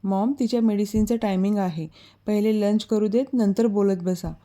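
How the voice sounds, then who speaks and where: A woman's voice: mid-range voice, fairly even intonation, moderate pace, warm tone, close to an everyday voice. A woman voicing a protective young man who gives firm, caring orders, in a storybook reading.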